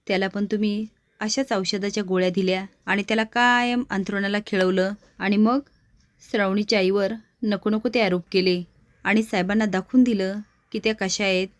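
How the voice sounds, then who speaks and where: Woman reads a defiant young man, firm and accusing, quick delivery, dry close sound. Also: medium pitch, no echo, natural voice. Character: young man standing up to a scheming rich woman.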